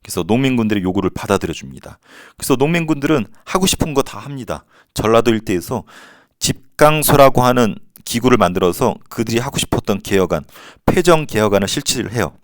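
A man's voice: medium pitch, lively intonation, fast talker, no room sound, studio quality. A man teaching a history lesson to students in a casual, slangy and playful way. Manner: slangy, playful, acts out quotes.

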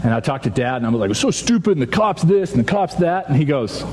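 A man in his thirties giving an animated chapel talk to students on a stage, telling stories and acting out quoted voices. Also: fairly high pitch, fast. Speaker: youth chapel speaker. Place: large dark auditorium with stage. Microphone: stage microphone, seen from far back. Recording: reverberant hall, faint audience noise.

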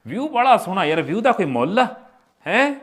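Punjabi guy showing people round a house, kinda high voice, folksy and jokey, chatty and full of admiration. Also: big pitch swings, normal speed, a bit bright. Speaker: host of a house tour. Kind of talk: casual on-location chat, touring a house.

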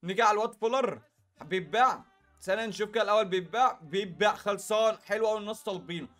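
A young Egyptian man with a very high voice talks fast through casual gameplay commentary. He speaks directly to his viewers in a chatty way, full of quick asides, and faint music plays behind him. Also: a bit bright. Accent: Egyptian Arabic. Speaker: gaming YouTuber.

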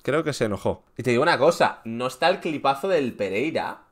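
Lively young man. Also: mid-range voice, fairly quick. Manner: casual, swearing, restarts often. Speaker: streamer voting in awards. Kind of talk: casual reaction commentary.

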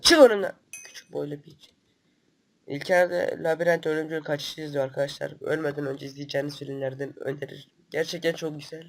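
A man with a cold and a stuffy nose, hosting excitable gameplay commentary, swearing and breaking into loud outbursts. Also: a little high, a little fast, gravelly. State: sick with a stuffy nose and cough. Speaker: gaming channel host.

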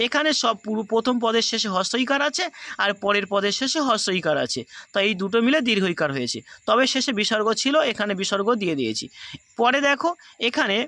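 A man's voice: very high-pitched, bright, forceful tone, dry recording. A man teaching a grammar lesson with a Bengali accent, patiently repeating each rule step by step for his students.

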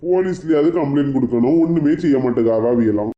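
A woman with a Kanyakumari Tamil accent playing a soft-hearted grieving father who pleads and complains in a comic skit. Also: a bass voice, fast, pitched below the performer's own voice. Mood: consoling. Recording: dull lo-fi sound.

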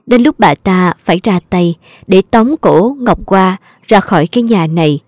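A woman with a Southern Vietnamese accent narrating a family drama story in a steady, even way. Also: medium pitch, normal speed, dry recording, studio quality.

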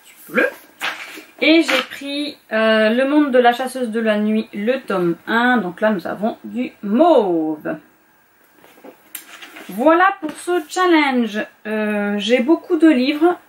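A woman's voice: a little high, a little hiss or hum. Chatty woman listing her reading picks. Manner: chatty, hesitant, corrects herself often. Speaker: book vlogger. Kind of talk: casual book list vlog.

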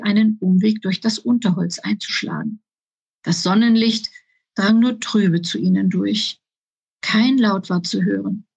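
A woman reads her children's book aloud in a calm, even storytelling voice. Her voice has a soft, breathy edge. She is recorded close up in a dry room. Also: medium pitch, no room sound, lo-fi sound. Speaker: author reading her book.

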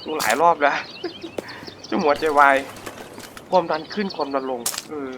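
A man hosting a gaming channel, giving casual let's-play commentary in a jumpy, excitable way as he plays. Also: fairly high pitch, unhurried, background noise. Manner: excitable, jumpy, talks to himself while playing.

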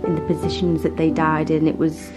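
Woman in her thirties, low voice, chatty travel vlog narration, camera at arm's length, guitar music behind. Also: flat delivery, a little fast. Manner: chatty, reflective. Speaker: travel vlogger. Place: outdoors among ruins. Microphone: handheld camera at arm's length.

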